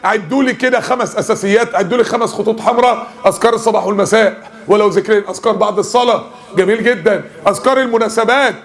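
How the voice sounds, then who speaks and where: A man with an Egyptian Arabic accent giving a lively mosque lesson, joking and asking the audience questions. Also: high-pitched, very fast. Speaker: preacher.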